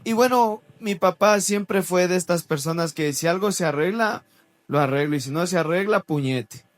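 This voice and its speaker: High-voiced man telling a story. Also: moderate pace. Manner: animated, acts out quoted voices. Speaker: church podcast co-host. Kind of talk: casual storytelling testimony.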